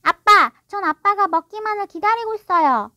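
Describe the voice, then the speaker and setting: A woman's voice: very high-pitched, expressive, normal speed, bright, forceful tone, no room sound, lo-fi sound, pitched above the performer's own voice, full character voice. A woman voicing a suspicious, stubborn little boy who talks coldly and defiantly. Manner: cold and defiant.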